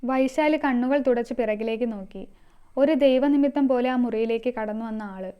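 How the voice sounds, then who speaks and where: A woman's voice: fairly high pitch, brisk, clear, resonant tone, muffled recording. A woman narrating a scripted story, reading all the characters herself. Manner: reads all characters herself, mostly in her own voice.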